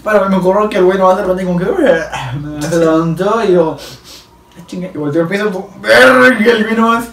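A man's voice: high voice, fairly quick, gravelly, a bit bright. A young man from Mexico with a Mexican Spanish accent, telling stories in a casual, slangy way and laughing often. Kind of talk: casual chat. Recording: echoey room, mic at a distance.

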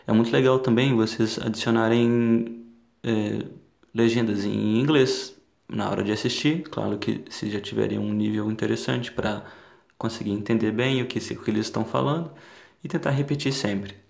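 Gravelly-voiced man teaching a language podcast. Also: fairly low pitch, steady tone, moderate pace, a little mellow, reverberant. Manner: explanatory, addresses learners directly. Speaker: podcast host and English teacher.

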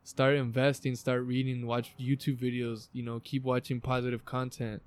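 A man's voice: medium pitch, flat delivery, normal speed, darkish tone. A man with an American accent hosting a podcast in a backyard, chatting informally and emphatically with frequent swearing in a motivational way. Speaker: podcast host. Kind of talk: casual motivational podcast chat. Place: outdoors in a backyard.

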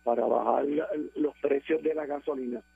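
Man, Puerto Rican accent, radio caller, sarcastic, gravelly husky voice, dry tinny phone line. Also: mid-range voice, steady tone, moderate pace, no echo. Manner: indignant, sarcastic. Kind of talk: phone-in opinion.

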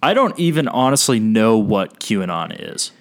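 Sarcastic, foul-mouthed Midwestern co-host. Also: male voice, lowish voice, sing-song, normal speed. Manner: sarcastic, swears freely, joking. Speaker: podcast co-host. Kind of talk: casual podcast chat.

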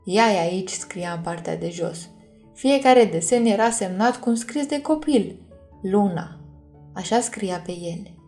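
A woman narrating a fantasy audiobook in a calm, measured reading. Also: mid-range voice, faint music behind. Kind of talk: scripted storybook narration.

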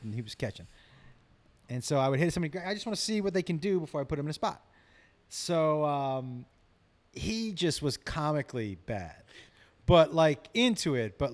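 A man who works as a comedian, telling stories in casual chat, swearing freely and laughing through his punchlines. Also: a little high. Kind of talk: casual podcast chat, storytelling.

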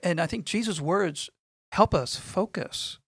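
A middle-aged man speaking earnestly and in a measured way, sharing a personal testimony in conversation. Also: sits high, vocal fry, a bit bright, slightly rough, no room sound. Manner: earnest, measured, repeats phrases for emphasis. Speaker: guest speaking on faith and suffering.

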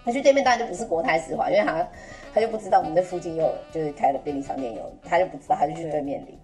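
A young woman with a Taiwanese Mandarin accent telling a story on a podcast, animated and laughing, acting out an old customer's lines in Taiwanese. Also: on the low side, racing, faint music behind. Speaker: podcast host. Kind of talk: casual chat, storytelling.

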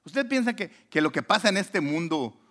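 A man preaches a sermon in a fairly high voice with a very lively, swooping pitch. He rises to loud, emphatic lines and then drops to low murmured asides. He also acts out the quoted voices in his story. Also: moderate pace. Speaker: pastor.

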